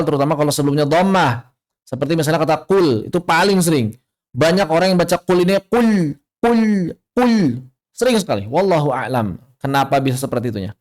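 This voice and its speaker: A man teaching Quran recitation rules in an online class, calmly explaining and then slowly modeling each example. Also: medium pitch. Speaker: tajwid teacher.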